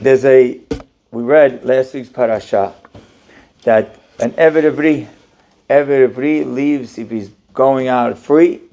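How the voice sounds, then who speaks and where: A man, a rabbi, giving an animated sermon that teaches through questions. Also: mid-range voice, slow.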